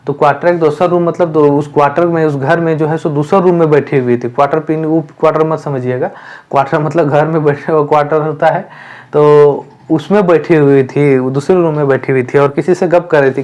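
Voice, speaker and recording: A man with a fairly high voice walks students through a story for an exam. He explains each line slowly, circling back and repeating himself with plenty of fillers. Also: steady tone, a little mellow. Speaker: teacher.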